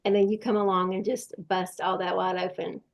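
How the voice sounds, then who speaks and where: Host, woman: gravelly edge, thoughtful, searches for her words, faith talk. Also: medium pitch, level tone, fairly quick. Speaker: podcast host. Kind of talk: faith-based conversation.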